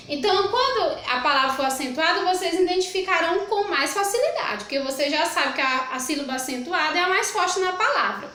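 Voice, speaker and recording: A woman with a Brazilian Portuguese accent gives a grammar lesson to young pupils in a high voice. She is patient, says words slowly and more than once, and keeps checking that the class follows her. Her voice rings in an echoey room. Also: bright, forceful tone, a little hiss or hum. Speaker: primary school teacher. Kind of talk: recorded grammar lesson for children.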